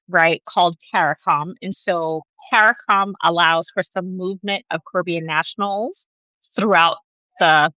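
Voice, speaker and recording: A woman born in Guyana, talking as an interview guest in a relaxed, conversational way and often adding "right?" to her points, over a video call. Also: lowish voice, dry recording, highs cut off. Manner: conversational, frequent "right?" asides.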